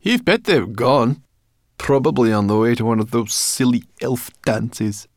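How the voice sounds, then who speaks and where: A man voicing a cheeky, sharp-tongued female forest brownie in an audiobook, blunt and breezy. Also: mid-range voice, lively intonation, unhurried, no echo, studio quality, pitched above the performer's own voice.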